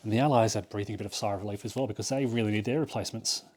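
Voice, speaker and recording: A man's voice: on the low side, steady tone, very fast, darkish tone, slight background noise. Man thinking aloud over a board game. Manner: thinking aloud, counting moves, frequent ums. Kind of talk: solo playthrough commentary.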